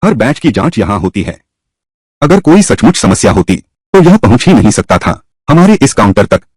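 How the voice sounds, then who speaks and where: A man voicing a clever young woman shopkeeper pitching her store to the neighbours in a dubbed drama. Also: big pitch swings, normal speed, a little mellow, slightly rough, dry recording. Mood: confident.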